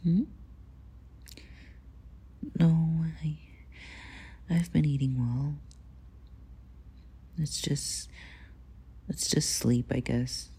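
Young woman, ASMR roleplay, close-mic, soft and halting whispers, very low and dark, slow. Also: breathy edge. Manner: soft, hesitant, often whispered.

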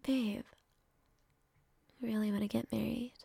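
Gravelly-voiced young woman whispering intimately. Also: fairly high pitch, little pitch movement, a little slow, no room sound. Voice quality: soft whispering, intimate and affectionate. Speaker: girlfriend in a roleplay. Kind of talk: ASMR roleplay.

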